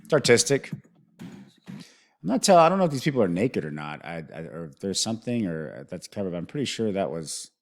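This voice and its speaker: Hosting a music video reaction, a man with a deep voice thinks aloud fairly quickly, his pitch swinging widely. He rambles and often starts his sentences over.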